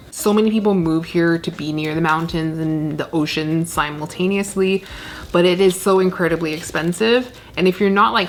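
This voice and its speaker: Surrounded by shelves of plants in her indoor plant room, a woman from Canada rambles through a repotting session, her chat full of fillers. She's a plant vlogger with a low voice, recorded by a desk camera at medium framing. Slight background noise can be heard.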